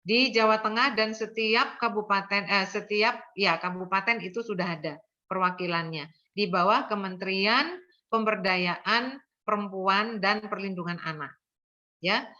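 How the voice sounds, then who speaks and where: A woman's voice: mid-range voice, a little slow, bright, forceful tone, lo-fi sound. An older woman, a nursing lecturer, giving an earnest lecture full of anecdotes and often checking in with her listeners. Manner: earnest, tags sentences with "ya".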